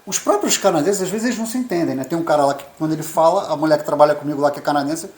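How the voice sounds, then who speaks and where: Very fast and on the high side, with a slightly mellow tone, the Brazilian co-host in his fifties, an immigrant journalist, rambles through a casual conversation and repeats words in an echoey room.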